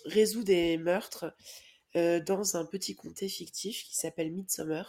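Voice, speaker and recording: A woman's voice: fairly low pitch, fairly even intonation, measured pace, mellow. A woman co-hosting a podcast, chatting casually and recounting things with enthusiasm. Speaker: podcast co-host. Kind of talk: casual chat.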